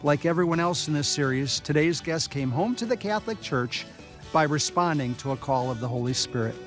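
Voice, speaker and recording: A man's voice: on the high side, animated, fairly quick. A middle-aged man hosting a religious talk show, delivering a polished, earnest introduction and then chatting with his guest. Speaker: host. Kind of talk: scripted show introduction and interview. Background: background music.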